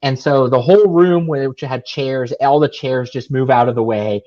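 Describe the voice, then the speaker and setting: Man, hesitant casual talk, halting, dull lo-fi sound, mid pitch. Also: warm tone. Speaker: guest kung fu master. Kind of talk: casual chat on a live show.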